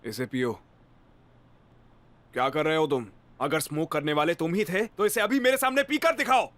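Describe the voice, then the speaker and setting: A man's voice: fairly high pitch, fairly even intonation, measured pace, a bit bright. A regretful young man. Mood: tense. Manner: earnest, regretful. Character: remorseful young man back in high school. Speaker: lead character and narrator. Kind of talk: Hindi dub of a TV drama.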